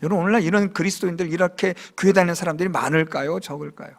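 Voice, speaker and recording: A man's voice: high-pitched, rapid-fire, creaky. A male pastor preaching a sermon in church, emphatic and firing rhetorical questions at the congregation.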